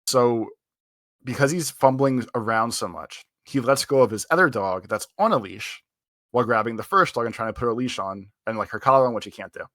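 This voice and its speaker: Man, podcast co-host, rambling storyteller, mid-pitched voice, dry sound. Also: fairly quick, no room sound. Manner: rambling, full of "like" fillers, animated retelling. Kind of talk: casual podcast chat, telling a story.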